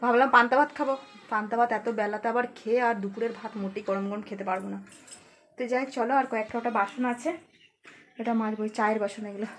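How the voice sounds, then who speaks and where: Quick chatty woman vlogger. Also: fairly high pitch, fairly even intonation, a little hiss or hum. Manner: chatty, talks straight to viewers. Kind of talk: casual home vlog narration. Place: home kitchen.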